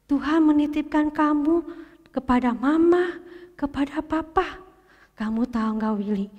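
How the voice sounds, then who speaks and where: A woman voicing a gentle, loving mother who comforts her son in a soft, hushed voice. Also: high voice, heavily acted. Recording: long hall reverb.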